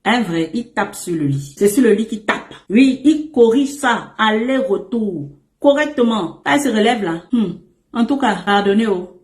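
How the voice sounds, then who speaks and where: A woman's voice: fairly high pitch, measured pace. A woman relationship coach giving casual advice to men, emphatic and repetitive, often calling the listener her emperor, with playful asides. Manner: animated and playful, with asides and laughs. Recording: echoey room.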